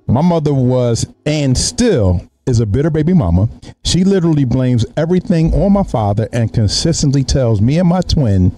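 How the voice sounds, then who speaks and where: A man's voice: mid-range voice, expressive, normal speed, warm tone, dry recording. A man, hosting a podcast in casual, blunt, slangy banter and repeating phrases for emphasis, close on the mic. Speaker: podcast host. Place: small home podcast studio. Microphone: close microphone on a stand, with headphones.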